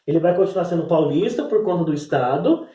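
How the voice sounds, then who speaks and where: High-voiced teacher. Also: male voice, lively intonation, fast talker, dark tone, roomy sound, far from the mic. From Brazil. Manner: explanatory, repeats "né?" and "então". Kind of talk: recorded class lesson. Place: classroom.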